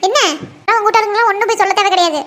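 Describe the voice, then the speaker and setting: Woman voicing a shrill scolding cartoon mother-in-law. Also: steady tone, fairly bright tone, slight background noise. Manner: scornful, nagging, rapid scolding. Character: sharp-tongued scolding village mother-in-law. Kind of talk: cartoon voice acting.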